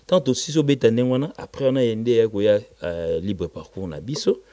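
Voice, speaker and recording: In a casual interview about his band's history, a Congolese-accented man who grew up speaking Lingala talks emphatically and repetitively, moving between Lingala and halting French. His voice is on the low side with a dark tone.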